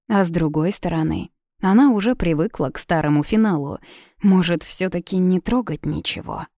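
A woman narrating a fantasy novel in an even, measured reading. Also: lowish voice, dry recording, studio quality. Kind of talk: audiobook fiction reading.

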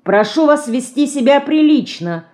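A woman's voice: high-pitched, animated, measured pace, darkish tone, pitched above the performer's own voice. A proud, cold mother from a storybook, dry and cutting as she stands up to an intruder, read by a woman. Her replies are clipped and sarcastic. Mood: cold, indignant.

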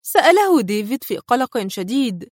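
A woman narrating a thriller audiobook in a dramatic, expressive reading style. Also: fairly high pitch, normal speed, dry recording, studio quality.

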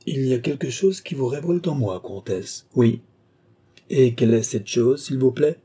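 A man voicing an old, fawning male courtier who speaks in a mincing, flattering way. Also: medium pitch, moderate pace, slightly rough, voice pushed up. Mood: sly.

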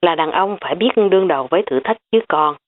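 A woman voicing an easygoing middle-aged uncle who teases in a relaxed, joking way. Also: lowish voice, fast, natural voice. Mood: teasing. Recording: tinny phone-like audio.

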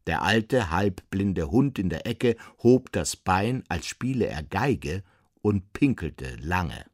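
A man reading a literary story aloud for radio in a measured, expressive way, close to a studio mic. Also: low-pitched, no room sound.

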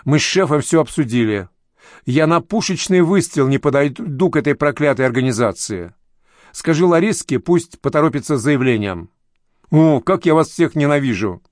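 A man's voice: on the high side, expressive, moderate pace, no echo, studio quality, natural voice. A man reading an audiobook, voicing a desperate young woman who pleads tearfully and later shrieks in anger. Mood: hostile.

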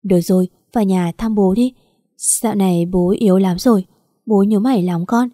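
A woman's voice: medium pitch, normal speed, warm tone, no echo, lightly acted. Tearful loving mother, woman reading. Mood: tender. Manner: fussing, tender.

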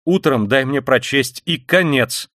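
A man's voice: medium pitch, expressive, a little slow, fairly bright tone, no echo, studio quality, pitched above the performer's own voice. Raskolnikov, a man doing a feverish irritable young man. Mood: commanding. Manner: irritable, clipped, insistent.

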